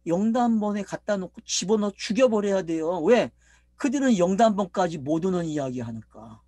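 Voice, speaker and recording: A middle-aged pastor preaches a sermon at a moderate pace, often putting questions to the congregation. His intonation is lively, with big swings in pitch and loudness, and the recording is dry with clean studio sound.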